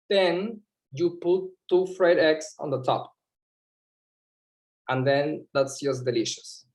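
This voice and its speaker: Man answering off the cuff. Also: mid-range voice. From Venezuela. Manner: hesitant, repeats words, searches for English terms. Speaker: club member giving an impromptu answer. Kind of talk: impromptu speech on a video call.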